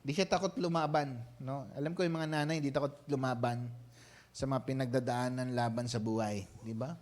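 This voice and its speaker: A man with a Filipino accent preaches like he is chatting with his church. He often turns to the people with quick check-in questions. His voice sits at a middle pitch for a man. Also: steady tone, darkish tone. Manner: conversational preaching, frequent tag questions. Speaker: senior pastor. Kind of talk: sermon.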